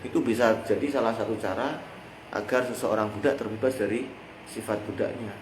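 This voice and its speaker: His voice sits on the low side and moves a little fast as this Javanese-accented man teaches a classical Islamic text. He explains through everyday examples and lets listeners complete his sentences. The setting is an echoey room with faint background noise.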